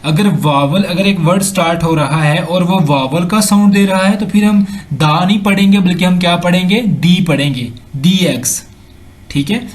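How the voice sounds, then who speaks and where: A man with a Pakistani accent teaching English grammar over slides, slowly repeating examples and mixing in English sentences. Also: sits high. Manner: slow and repetitive, drills examples aloud, mixes in English sentences. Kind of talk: slide-based lesson explanation.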